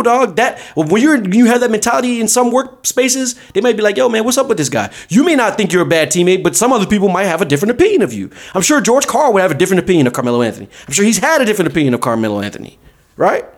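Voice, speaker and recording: A man hosting a podcast, talking sports in a blunt, animated casual chat. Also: high voice, racing. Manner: animated, blunt, calls listener "dog" and "man". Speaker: podcast host.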